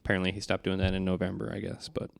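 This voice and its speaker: A man's voice: sits low, monotone, racing, vocal fry. A man co-hosting a podcast in casual chat, rambling and enthusiastic with a joking streak. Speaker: podcast co-host.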